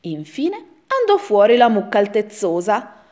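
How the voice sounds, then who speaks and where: A woman's voice: mid-range voice, unhurried. A woman narrates a rhyming children's story in a sing-song cadence. Her voice sits in a middle register and rises and falls with lots of melody. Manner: lively sing-song rhythm.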